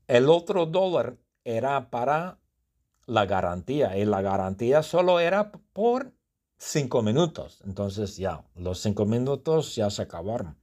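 A man's voice: medium pitch, darkish tone. Man playing a bumbling, indignant storybook guy. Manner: first-person storytelling, exaggerated indignation.

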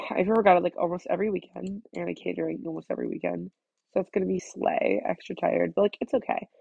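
A teenage girl with a nasal voice, rambling fast through a casual solo vlog, full of "like". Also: fairly low pitch, fairly even intonation, creaky, warm tone, slightly rough, no echo, dull audio. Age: teens. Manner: fast-talking, scattered, full of "like". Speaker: student vlogger.

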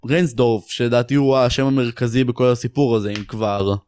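A man co-hosting a sports podcast, explaining things in a measured way. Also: mid-range voice, steady tone, darkish tone, clean tone, dry recording, clean studio sound. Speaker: podcast co-host. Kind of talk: casual sports talk.

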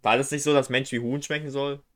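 Bright-voiced young man, loose chat. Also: medium pitch, fast talker. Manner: loose, excitable, slangy. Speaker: co-host. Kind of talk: casual chat.

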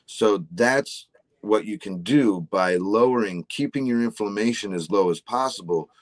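A man in his forties, appearing as a guest from a supplement company, explains health ideas in a relaxed chat and keeps checking in with "right?" His voice is fairly low and measured, recorded dry.

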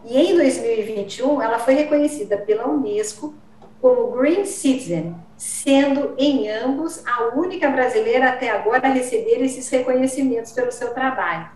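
A woman's voice: fairly high pitch, normal speed, a little mellow, a little hiss or hum. A woman hosting an interview, introducing her guest in an admiring, formal way. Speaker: interview host. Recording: roomy, distant from mic.

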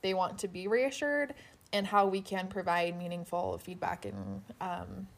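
A woman's voice: fairly low pitch, lively intonation. A woman co-hosting a casual chat, talking with many fillers and laughing easily, recorded on the floor under a blanket fort. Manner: chatty, quick to laugh, filler-heavy. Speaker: podcast co-host.

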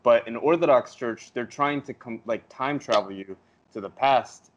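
A man's voice: medium pitch, normal speed, dull audio. A man chatting casually and explaining his ideas in a reflective way. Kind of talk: casual conversation.

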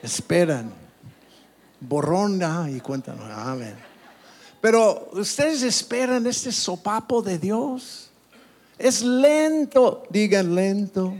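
Male pastor, high voice, unhurried animated sermon, frequent amens. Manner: animated preaching with frequent call-outs of amen; stumbles and restarts words, laughs at own slips.

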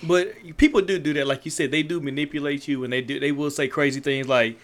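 A man's voice: fairly high pitch, fairly even intonation, quick pace. A man with co-hosting a casual podcast chat. He jokes a lot and acts out quoted lines. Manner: joking, acts out quoted lines in put-on voices. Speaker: podcast co-host.

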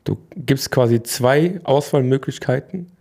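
A man's voice: medium pitch, measured pace, gravelly, dark tone, slightly rough. A young man co-hosting a casual podcast, joking and laid-back, often trailing off mid-sentence. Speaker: podcast co-host. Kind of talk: casual chat.

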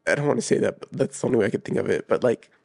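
Talking very fast with vocal fry and a breathy edge, this movie podcast co-host rambles earnestly through casual chat, leaning heavily on "like" and "you know." His mid-range male voice is expressive, with a darkish tone.

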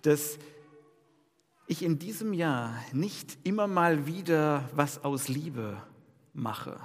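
A male pastor giving a New Year sermon in a lively, conversational preaching style, asking the congregation questions. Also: on the high side, slow, in a large hall.

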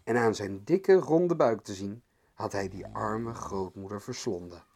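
A man reading a children's fairy tale aloud as narrator, with expressive storytelling. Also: on the low side, measured pace, vocal fry.

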